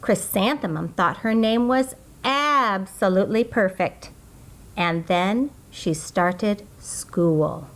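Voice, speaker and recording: A woman reading a children's picture book aloud, expressively, drawing out words for emphasis. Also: on the high side. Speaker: children's storybook reader.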